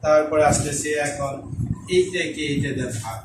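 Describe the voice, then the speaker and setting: A male math teacher giving a slow classroom lesson, repeating and spelling out each term. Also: fairly high pitch. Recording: echoey room, mic far off, noisy.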